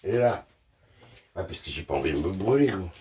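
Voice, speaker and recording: A man's voice: deep voice, expressive, a little fast, darkish tone. Joking, foul-mouthed man cooking at home. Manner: joking, self-mocking, crude swearing; talks to the viewer while cooking. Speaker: home cook vlogger. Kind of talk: casual cooking vlog chat. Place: home kitchen.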